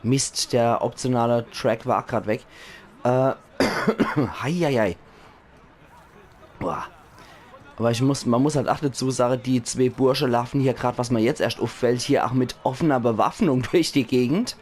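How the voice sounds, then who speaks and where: A hoarse man with a Palatinate German accent, chatting enthusiastically as he comments on a video game. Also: mid-range voice, a little slow, a little mellow. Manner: chatty, enthusiastic, laughs often. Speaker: let's play host. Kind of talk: casual gaming commentary.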